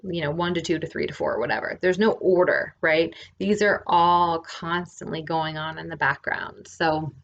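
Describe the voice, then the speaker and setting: A woman's voice: deep voice, normal speed, hardly any pauses, muffled recording, slight background noise. A woman giving a casual spiritual lesson, often checking in with "right?". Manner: relaxed, often adds "right?". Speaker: spiritual teacher.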